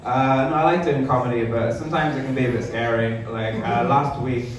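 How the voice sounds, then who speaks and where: A man's voice: mid-range voice, steady tone, fairly quick, a crowd in the background. A young man from Newcastle doing stand-up comedy, in a hesitant, rambling, self-deprecating way. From Newcastle, northern England. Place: small sparsely filled comedy venue. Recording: echoey live room, distant mic, audience noise.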